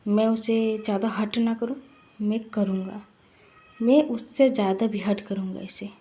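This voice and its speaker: A woman's voice: mid-range voice, steady tone, normal speed, warm tone, husky, close to an everyday voice. Woman voicing a mocking vengeful young man. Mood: defiant. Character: vengeful smirking young man, dark-magic user.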